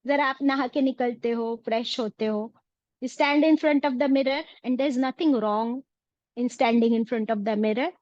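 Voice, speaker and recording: Lady teaching a religion class online, high pitched, throws in english bits, muffled dry sound. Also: steady tone, takes it slowly, darkish tone, no room sound. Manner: asks students questions, mixes English phrases. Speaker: Quran teacher.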